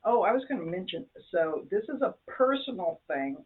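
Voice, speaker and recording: A woman's voice: medium pitch, big pitch swings, normal speed, slightly rough. An older woman co-hosting a casual chat show, chatty and self-deprecating with playful jokes. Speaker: co-host. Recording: tinny phone-like sound.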